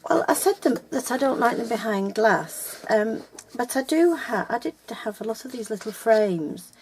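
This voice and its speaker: A casual felt-making tutorial comes from an older woman in an upstairs room of her home; she's chatty and hesitant, with frequent ums and self-corrections. Her fairly high voice is animated and a little mellow at a moderate pace, with slight background noise behind it.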